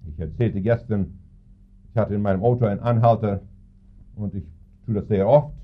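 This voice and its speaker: A middle-aged man preaching a sermon, telling stories with lively, emphatic intonation. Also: on the low side, moderate pace. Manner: storytelling, lively intonation with sudden emphatic rises. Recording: tinny phone-like sound.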